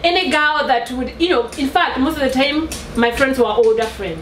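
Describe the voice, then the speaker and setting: A woman's voice: sits high, normal speed, a bit bright. A middle-aged woman from Kenya with a heavy Kikuyu accent, telling personal stories casually and addressing her listeners directly. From Nanyuki, Kenya. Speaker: host. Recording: roomy, distant mic, faint noise.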